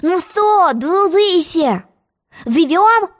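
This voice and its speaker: A woman voicing a nosy, quick-tempered male messenger in a storybook. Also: very high voice, animated, pitched above the performer's own voice, heavily acted. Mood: pushy. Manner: pushy, prying, quick-tempered. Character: bossy chatty male royal messenger. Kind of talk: storybook narration.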